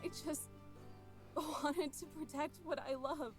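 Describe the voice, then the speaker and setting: Man doing a soft, earnest young woman. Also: very high voice, fairly even intonation, slow, faint music behind. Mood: tearful.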